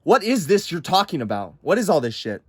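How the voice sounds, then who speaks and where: A man voicing God as a grandiose, easily flattered male deity with theatrical, pompous bursts in a comedic rant. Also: fairly high pitch, a little fast, slightly rough, dry recording, clean studio sound. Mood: baffled.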